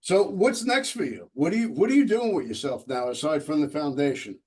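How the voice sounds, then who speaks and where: Male podcast host, slightly high voice, playful interviewer. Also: lively intonation, fairly quick, a little mellow, breathy edge. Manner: joking, asks questions. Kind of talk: casual interview.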